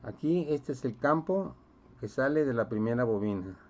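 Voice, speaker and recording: A man's voice: medium pitch, animated, moderate pace. A male physics teacher lectures step by step through a classroom lesson. He keeps checking in with his students and quizzing them as he goes. The recording sounds dull and muffled.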